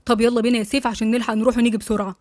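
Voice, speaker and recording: A woman voicing a stern, commanding man with an Egyptian accent, lowering her voice and speaking curtly. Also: level tone, very fast, darkish tone, no room sound, clean studio sound, lightly acted. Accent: Egyptian Arabic. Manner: firm, curt.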